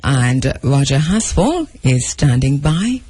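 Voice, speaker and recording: A man's voice: medium pitch, sing-song, takes it slowly, a little mellow, husky. A man with a Jamaican accent hosting a live radio discussion programme. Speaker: radio host. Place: radio studio.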